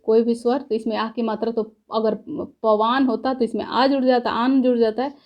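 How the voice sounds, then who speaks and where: A woman teaching a lesson, explaining step by step, asking herself questions and pausing often to check in. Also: fairly high pitch, little pitch movement, lo-fi sound. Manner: says "ठीक है" after points. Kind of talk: classroom lecture.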